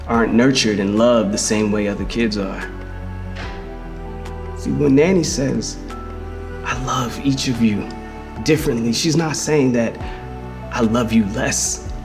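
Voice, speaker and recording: In a mid-range voice close to his everyday one, an actor performs a theatrical first-person memoir monologue over music. He plays a reflective queer man looking back fondly on his hustling grandmother, telling the story conversationally with emphasis, pauses and repeated words as part of a dramatic reading.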